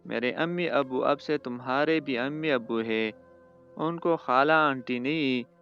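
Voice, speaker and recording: A man voicing a gentle, caring young husband who speaks tenderly and earnestly. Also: mid-range voice, lightly acted. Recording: dull lo-fi audio with faint music behind.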